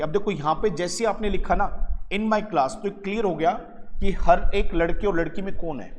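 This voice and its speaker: A man teaching English grammar to a live class, coaxing students and quizzing them by name. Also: sits high. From Haryana, India. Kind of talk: classroom lesson. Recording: echoey classroom hall with steady background noise.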